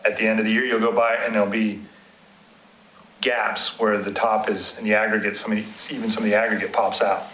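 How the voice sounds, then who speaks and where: A man with a somewhat low voice speaks plainly and practically at a public committee meeting, explaining things with everyday examples. The room is echoey and a faint background hum sits under his voice. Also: flat delivery, a little fast, a bit bright. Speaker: city road maintenance staff presenting.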